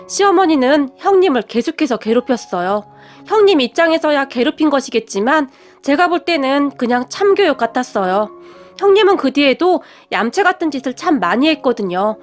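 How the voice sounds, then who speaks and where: Brief: female story narrator, high voice, polite and conversational, faint music underneath. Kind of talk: scripted narration.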